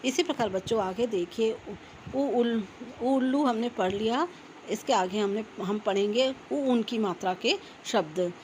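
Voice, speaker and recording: Woman teacher slowly spelling out words. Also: fairly high pitch, darkish tone, a little hiss or hum, poor audio. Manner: slow, careful spelling out of sounds for young pupils. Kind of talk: reading a children's textbook lesson aloud.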